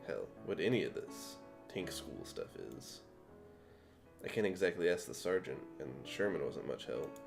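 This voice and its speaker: A man's voice: sits low, lively intonation, moderate pace, creaky, over music. A man playing a visual novel, reading the lead character's lines in a dry, exasperated mutter. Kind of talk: casual game playthrough reading.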